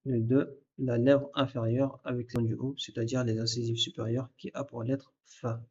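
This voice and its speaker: Patient husky-voiced man teaching, lo-fi. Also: medium pitch, little pitch movement, moderate pace. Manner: patient, addresses the listener directly, repeats sounds to demonstrate. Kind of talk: recorded lesson, explaining step by step. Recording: dull lo-fi recording.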